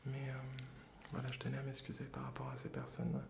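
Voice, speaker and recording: A man hosting ASMR in a gentle, hesitant whisper, very close in the ear on binaural microphones. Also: mid-range voice, sing-song, fairly quick, vocal fry, slight background noise. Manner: gentle, soft-spoken. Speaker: ASMR video host. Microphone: close binaural stereo microphones.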